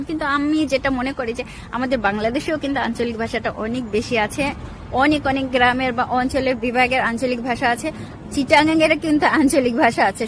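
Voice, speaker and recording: A woman's voice: high-pitched, noisy background. A woman from Bangladesh talking to her viewers in a casual vlog, explaining things and advising them directly. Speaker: vlogger.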